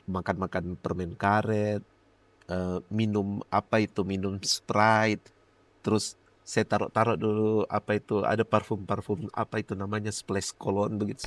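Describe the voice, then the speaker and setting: A middle-aged male pastor giving a lively personal testimony in a podcast interview, laughing often and acting out his own prayers. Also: fairly low pitch, no echo.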